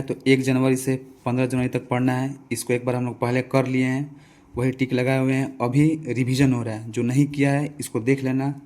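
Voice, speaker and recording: A man's voice: medium pitch, a little mellow. A man with a Bihari Hindi accent teaching a casual exam revision lesson, asking quiz questions and answering them himself. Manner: conversational, repeats answers, asks and answers own questions.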